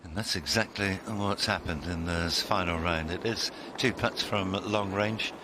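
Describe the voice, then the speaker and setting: A man's voice: low-pitched, a little slow. A man commentating on live golf, recapping and describing play. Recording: loud outdoor background noise.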